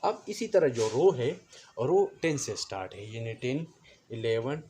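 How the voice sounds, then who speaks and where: A man teaching a math lesson, explaining slowly, repeating each step and counting aloud. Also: mid-range voice, big pitch swings, mellow. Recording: noticeable background noise.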